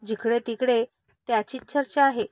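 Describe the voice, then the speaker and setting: Brief: woman doing bratty kid sister, teasing, high and bright, dry close. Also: moderate pace, no room sound, natural voice. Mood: excited. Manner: teasing, excited. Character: cheeky teasing younger sister, excited.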